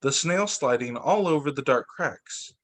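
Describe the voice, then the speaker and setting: Speaking a little slowly in a mid-range voice, a male teacher reads storybooks to young kids. He reads with expression, though he occasionally stumbles and re-reads part of a line.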